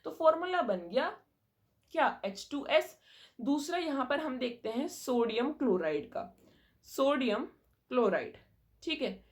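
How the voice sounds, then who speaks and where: Patient woman science teacher, higher voice. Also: very animated, unhurried. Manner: patient, explanatory, mixes in English terms and checks understanding. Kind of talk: classroom lesson explaining chemistry.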